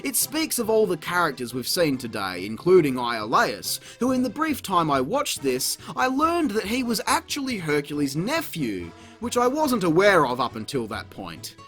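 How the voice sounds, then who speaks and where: Over background music, a man hosting a video review rattles off scripted comedy commentary with sarcasm, exasperation and plenty of swearing. His voice is on the high side and swoops wildly, moving at a moderate pace with hardly any pauses and a fairly bright tone.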